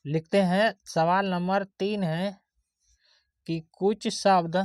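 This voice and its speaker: A woman's voice: on the low side, steady tone, slow pace, darkish tone, no echo. A woman teacher giving a spelling lesson, sounding out words letter by letter and checking that the pupils follow. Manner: asks checking questions of the pupils. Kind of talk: classroom-style spelling lesson.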